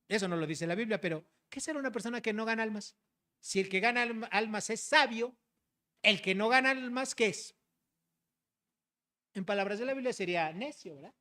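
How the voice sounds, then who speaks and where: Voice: mid-range voice, normal speed, a bit bright. A pastor preaching an expository sermon, speaking directly to the congregation and often adding tag questions to check they follow. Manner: direct, rhetorical questions, frequent "¿verdad?" tag; explains verses to the congregation, addressing them as brothers.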